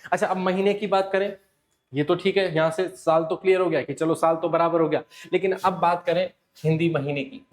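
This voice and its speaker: Tag-questioning teacher, slightly high voice. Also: male voice, steady tone, a little fast. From Rajasthan. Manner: explanatory, asks and answers himself, frequent "है ना". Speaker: exam coaching teacher. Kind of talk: classroom lecture.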